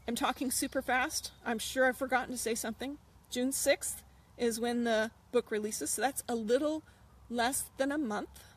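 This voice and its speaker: A woman author chatting excitedly and casually on a live stream, with lots of fillers. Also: fairly high pitch. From United States.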